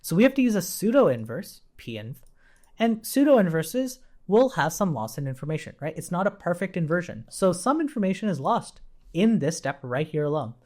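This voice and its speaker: A programming instructor gives an informal coding tutorial indoors at his computer, keyboard typing audible as he thinks aloud, repeats phrases and checks in with listeners. His voice is high and a little mellow, moving fairly quickly with big swings in pitch.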